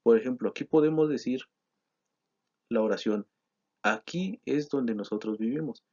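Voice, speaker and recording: A teacher presents a grammar lesson, reading from slides in a middle-pitched voice. His explanatory pace is steady, with frequent "eh" fillers and self-corrections. The recording sounds slightly dull and lo-fi.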